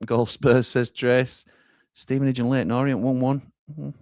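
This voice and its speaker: A man's voice: medium pitch, level tone, moderate pace, a little mellow, dry recording, clean studio sound. A man hosting a live football watchalong, reading out viewer comments and handing over to the lads at the grounds. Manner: reads out viewer comments and hands over to reporters. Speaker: watchalong host.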